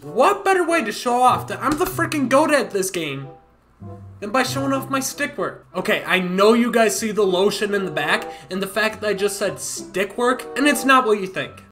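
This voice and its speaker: A young man hosting a gaming channel, giving loud, joking, profane and rambling video game commentary. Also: sits high, very animated, normal speed, soft background music.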